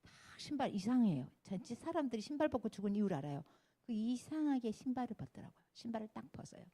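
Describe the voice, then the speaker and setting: Lively woman preaching to children. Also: a little high, fast talker. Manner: animated storytelling, acting out quotes, questions to children. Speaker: Sunday school teacher. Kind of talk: children's sermon. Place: church classroom.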